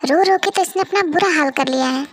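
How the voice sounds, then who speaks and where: A woman's voice: sits high, fast talker, natural voice. A woman voicing an anxious middle-aged mother in a dramatic fan story reading, with a fretful delivery. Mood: fussing. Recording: soft music behind.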